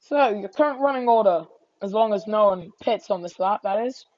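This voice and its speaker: Working as a motorsport commentator, a woman gives live race commentary, her voice rising on incidents as she calls the action. She has a medium-pitched, expressive, darkish voice and talks fairly quickly. The dull, lo-fi microphone captures no room sound.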